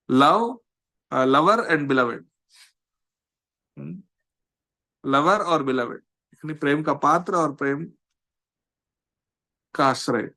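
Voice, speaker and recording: A man giving a scripture class in an unhurried, conversational way, often checking in with his listeners. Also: mid-range voice, vocal fry, pushed and bright. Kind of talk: Hindi-English mixed scripture lecture.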